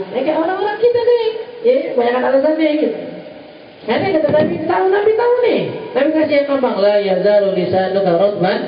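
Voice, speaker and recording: A man giving a sermon at a religious gathering, teasing in casual slang and mimicking voices. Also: high-pitched. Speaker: preacher. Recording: distant, roomy, dull lo-fi recording.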